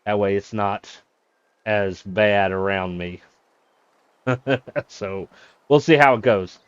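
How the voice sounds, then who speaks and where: A man streaming a game from a small closet office, chatting casually in a monotone way, with many fillers. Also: lowish voice, slow, clean tone, dry recording, dull audio. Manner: self-described monotone, rambling with fillers. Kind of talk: casual live-stream chat.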